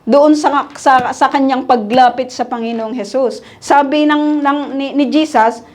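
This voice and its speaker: Woman preacher with a high voice, chatty sermon. She checks in with her listeners and acts out people's pleas. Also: steady tone, unhurried, a little mellow. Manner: conversational, keeps asking "di ba?", mixes in English; acts out prayers and pleas in quoted voices, laughs between points.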